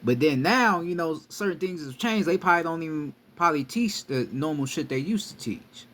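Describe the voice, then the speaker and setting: Speaking a little fast with lively intonation, a young spiritual teacher gives a casual, profane street-style talk about spiritual ideas. His voice is fairly high and a bit bright, and he presses his points emphatically, repeating himself often.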